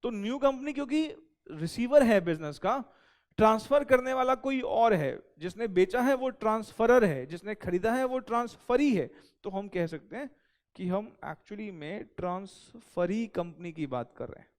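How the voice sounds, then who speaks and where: High-voiced man teaching accounting. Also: animated, a little slow, darkish tone. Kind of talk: recorded classroom lecture.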